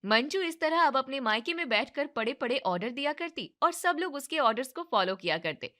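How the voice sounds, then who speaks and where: Woman narrator, scripted storytelling, even delivery, high voice. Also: fairly quick.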